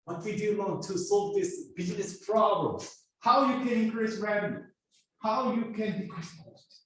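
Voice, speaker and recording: Heard from a distance in an echoey classroom, a Korean-accented man from South Korea delivers a business lecture, pushing his students with rhetorical questions. His voice is high and his pace moderate. A slight hiss or hum runs under the audio.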